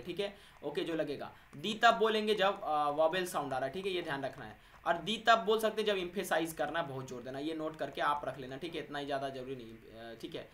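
A man's voice: high-pitched, fairly bright tone. Chatty male grammar teacher. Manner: chatty, repeats "okay" after nearly every point; addresses viewers as friends, stresses words by slowing down. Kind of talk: explanatory classroom-style lesson.

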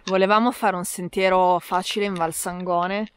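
Low-voiced woman vlogging outdoors. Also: steady tone, moderate pace, smooth. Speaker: hiking vlogger. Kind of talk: casual vlog chat. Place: outdoors on mountain roads and trails. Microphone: action camera at arm's length.

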